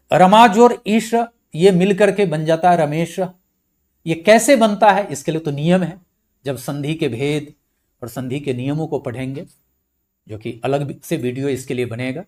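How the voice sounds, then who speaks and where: A male teacher gives a measured, unhurried grammar lecture and breaks each word down letter by letter. His voice sits somewhat high for a man, and he speaks, repeating points patiently. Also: darkish tone. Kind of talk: slow blackboard-style lecture.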